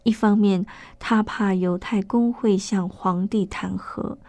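A woman reading a scripted Bible teaching in a measured, explanatory way, often posing rhetorical questions. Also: mid-range voice, fairly even intonation, a little mellow, no echo.

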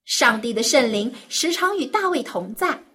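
A woman with a high, very lively voice tells a story to little children. She speaks gently and simply, as if reading to a toddler, addressing the young listeners directly as their storyteller. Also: normal speed, husky. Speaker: children's Bible story host.

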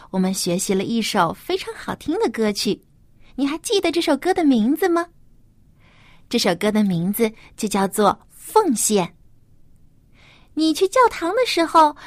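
Lady kids bible show host, talks like reading to a toddler, lively pitch swings, dry close sound. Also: no room sound. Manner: addresses small children directly with simple rhetorical questions. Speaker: host of a children's Bible story program. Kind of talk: teaching young children, as if reading to a toddler.

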